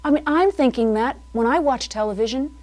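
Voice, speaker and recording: A woman's voice: sits high, a little fast, darkish tone. A middle-aged woman hosting a live improvised comedy monologue from a TV studio, talking in a mock-serious, theatrical, confiding way. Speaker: host. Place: cable access TV studio.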